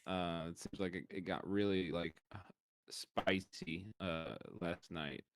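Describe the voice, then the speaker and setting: A man's voice: low-pitched, steady tone, takes it slowly, slight background noise. Joking, chatty male streamer. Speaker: fellow streamer and interviewer. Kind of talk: casual livestream chat.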